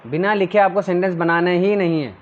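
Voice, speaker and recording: A man's voice: high voice, fairly quick, narrow, tinny audio, slight background noise. A male teacher giving a classroom grammar lesson, drilling his students with questions and answers.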